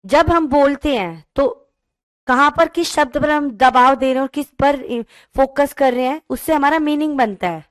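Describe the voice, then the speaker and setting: Lady teacher, high voice, slow and careful, dry close sound. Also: no echo. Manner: explains slowly, reads questions word by word; calls students "beta", mixes English into talk. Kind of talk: online pedagogy class.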